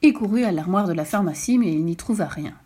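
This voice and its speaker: A woman telling a children's story aloud in a gentle, expressive way. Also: on the low side, fast, slightly rough.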